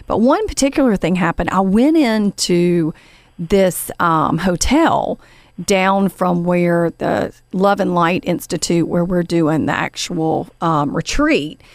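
A woman's voice: on the low side, slow pace, dry recording. Chatty woman podcast host, dry close sound. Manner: chatty and warm, many fillers, addresses the guest as honey. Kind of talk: casual podcast storytelling.

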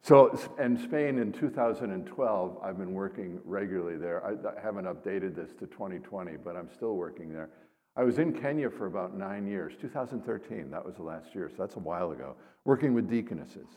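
An older man, a seminary professor, giving an informal, halting talk to a congregation in an echoing church. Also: sits low, lively intonation, darkish tone. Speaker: seminary professor and missionary pastor. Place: large indoor church space. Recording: reverberant church hall, long echo.

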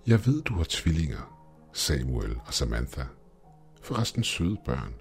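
A man's voice: a bass voice, very animated, faint music behind, heavily acted. A man voicing a mocking, goat-legged male demon shopkeeper in a horror story. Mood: smug. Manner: smug, taunting, hissing.

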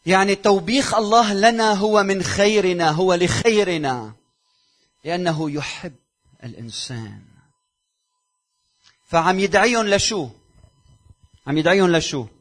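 A man with a Lebanese Arabic accent, preaching a sermon to his congregation, firing rhetorical questions and dropping from loud exhortation to near-whispers. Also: high-pitched, moderate pace. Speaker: pastor.

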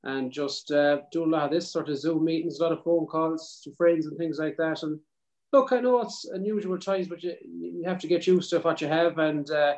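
A man's voice: fairly high pitch, normal speed, darkish tone, rough recording. A man with a South Mayo accent from the west of Ireland, chatting casually and easily as an interview guest on a video call. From County Mayo, Ireland. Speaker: podcast guest, country singer.

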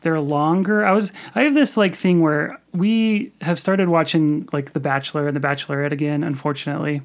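Rambling, animated male podcast co-host. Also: on the high side, a little fast. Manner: rambling, animated, many restarts and fillers. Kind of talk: casual chat about films.

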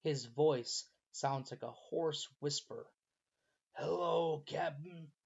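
Man narrating a dark fantasy story. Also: medium pitch. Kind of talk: first-person story narration. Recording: slightly muffled recording.

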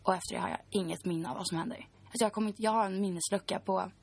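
A woman's voice: medium pitch, steady tone, creaky, husky, no echo. A woman in her twenties, a podcast guest, recounting a personal story in a chatty way full of fillers.

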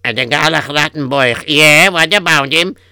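A man's voice: a little high, normal speed, bright, forceful tone, clean tone, dry recording. A man playing a fretful Yiddish-accented husband. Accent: Yiddish-inflected English. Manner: kvetching, sighing oy vey. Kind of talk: improvised comic radio story.

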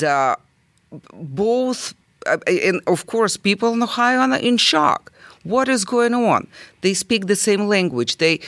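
Earnest Russian-born woman, halting speech. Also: deep voice, a bit bright, dry recording. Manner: earnest, halting with many fillers. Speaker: guest. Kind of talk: conversational interview.

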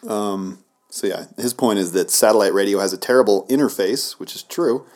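Low-pitched guy co-hosting a podcast, dry teasing banter, office echo on it. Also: normal speed, a little mellow. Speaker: podcast co-host. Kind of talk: casual chat. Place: office, indoors. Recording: echoey office room.

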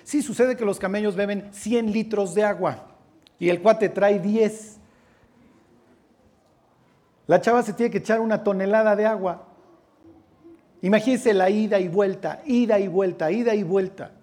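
A Mexican-accented man with a notably high voice gives a Bible teaching sermon. He talks casually, keeps asking whether his listeners are following, and mixes in everyday slang. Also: fairly even intonation, a little slow, pauses often, darkish tone. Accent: Mexican Spanish. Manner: conversational, checks in with listeners, slangy asides. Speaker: preacher.

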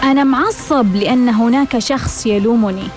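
A woman's voice: fairly high pitch, moderate pace, music in the background. A woman hosting a self-help show, giving a scripted monologue in which she asks questions and answers them herself.

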